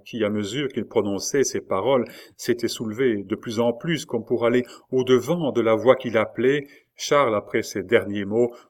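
A man narrating a historical novel aloud in a measured, expressive storytelling manner. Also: lowish voice. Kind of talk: audiobook reading of a historical novel.

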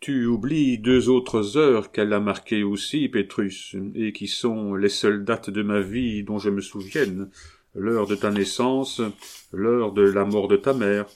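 A man reading aloud voices a kindly, gruff captain in his late fifties, an old hunter who talks to his son in an earnest, fatherly way. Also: on the low side, fairly even intonation, measured pace, a little mellow, natural voice. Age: 50s.

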